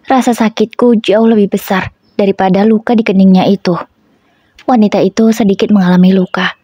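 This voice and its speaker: A woman's voice: medium pitch, steady tone, brisk, mellow, slightly rough, dry recording, muffled recording. A woman narrating an emotional first-person story about her marriage, with an indignant tone.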